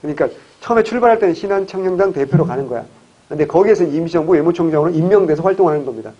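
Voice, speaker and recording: A man teaching a history class for exam students, joking and firing quick questions at the class. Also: fairly high pitch, animated, mellow, husky, highs cut off. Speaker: civil service exam history lecturer. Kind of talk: classroom lecture.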